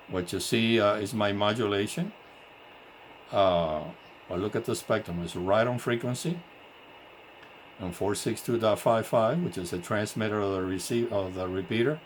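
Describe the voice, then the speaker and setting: A man who is not a native English speaker gives an informal, enthusiastic, explanatory hands-on technical walkthrough as a radio technician. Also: lowish voice. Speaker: radio technician demonstrating repeater equipment. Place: indoor home electronics workshop. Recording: clear background noise, workshop ambience.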